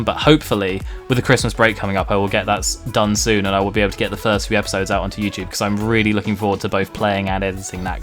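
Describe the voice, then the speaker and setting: Male streamer, Home Counties English accent, lowish slightly nasal voice, rapid casual vlog delivery over clear background music. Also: a bit bright. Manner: self-deprecating, mildly sweary. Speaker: video game streamer.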